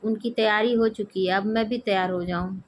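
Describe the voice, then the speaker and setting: A woman's voice: medium pitch, steady tone, moderate pace, a little hiss or hum, natural voice. A woman reading the lines of a bitter, despairing young wife from a play, giving short, curt replies.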